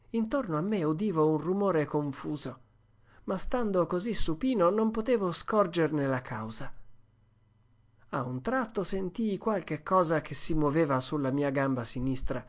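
In a mid-range voice, a narrator reads a classic adventure story aloud as an audiobook, told in the first person with a steady, expressive delivery.

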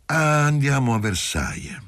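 A man's voice: mid-range voice, very animated, measured pace, fairly bright tone, no room sound, studio quality, voice pushed up. A man reading an audiobook voicing a reserved young husband who answers briefly. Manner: short, restrained replies.

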